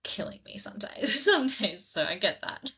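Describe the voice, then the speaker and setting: A woman hosting a podcast in a relaxed, chatty way, laughing easily and dropping into soft asides. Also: medium pitch, moderate pace, whispered. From grew up in southern India. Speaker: podcast host. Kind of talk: casual podcast chat.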